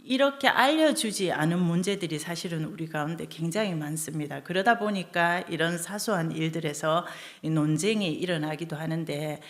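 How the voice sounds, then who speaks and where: A woman pastor preaching a sermon in a warm, conversational way, with a lower pitch than most women. She tells a humorous story before drawing the lesson from it, asking listeners questions along the way. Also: normal speed, hardly any pauses.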